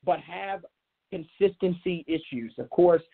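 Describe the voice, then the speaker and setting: A man's voice: sits high, a little slow, vocal fry. A man hosting a sports podcast solo, talking casually and off the cuff in a rambling way with many filler phrases. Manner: rambling, repeats filler phrases like "you know". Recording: tinny, narrow phone-like sound.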